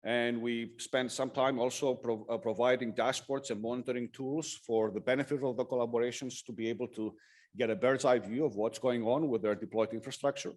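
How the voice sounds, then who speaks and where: A man giving a technical lightning talk with slides, speaking haltingly with frequent hesitations and self-corrections. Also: medium pitch, fairly even intonation, darkish tone. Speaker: conference presenter.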